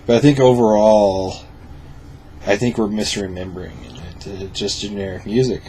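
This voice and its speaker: Brief: male film reviewer, drunk and casual, low dark voice, slight room noise. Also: moderate pace. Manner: profane.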